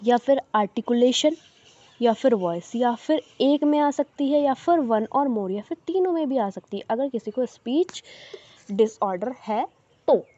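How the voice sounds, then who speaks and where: A woman giving an explanatory lecture in a fairly high but mellow voice. She reads each point slowly and then talks it through, pausing often to check her listeners are following. The recording sounds dull and lo-fi. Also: animated, no echo. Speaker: teacher.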